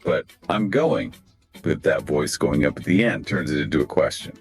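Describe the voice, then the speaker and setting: A man co-hosting a scripted podcast dialogue, animated and acting out example phrases with big pitch swings. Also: fairly quick. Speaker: podcast co-host. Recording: soft music behind the voice.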